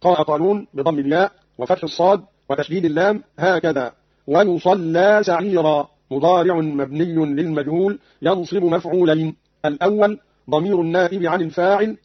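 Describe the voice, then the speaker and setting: A man giving a formal scripted explanation of Quranic reading variants in a deliberate classical delivery, on an old radio archive recording. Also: a little high, no echo, dull audio.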